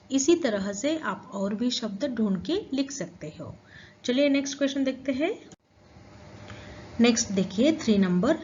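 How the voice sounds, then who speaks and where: Woman teacher, slow and patient, higher voice, dull lo-fi recording, explaining to children. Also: a little hiss or hum. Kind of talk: Hindi grammar lesson.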